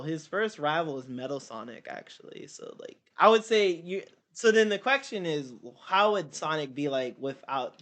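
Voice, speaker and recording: A young adult streamer with a bright, forceful voice at middle pitch. The talk is casual, slangy and repetitive, like live reaction chat.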